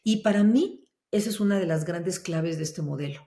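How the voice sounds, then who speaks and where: A woman speaking as a parenting expert guest on a podcast, explaining slowly and deliberately and listing examples one after another. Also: lowish voice, mellow, echoey room. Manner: slow, deliberate, lists examples. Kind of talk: calm explanatory podcast talk.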